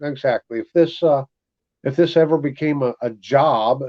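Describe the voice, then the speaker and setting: A man's voice: mid-range voice, moderate pace. A man hosting a casual chat, talking in an easygoing, conversational way. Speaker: host. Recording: slightly dull audio.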